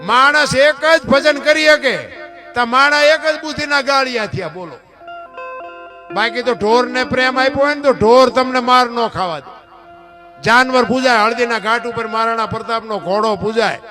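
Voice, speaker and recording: High-voiced folk storyteller over strumming music. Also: male voice. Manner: folksy, rhetorical questions, keeps addressing listeners. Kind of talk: folk moral discourse to an audience. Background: instrumental string music.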